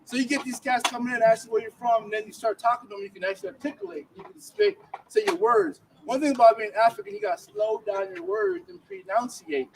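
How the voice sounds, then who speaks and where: Animated man doing stand-up, far off. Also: very high-pitched, fast talker, vocal fry. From Liberia. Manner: animated, loose and conversational. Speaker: stand-up comedian at open mic. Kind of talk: freestyle stand-up comedy. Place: outdoor bonfire event. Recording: distant mic with background noise.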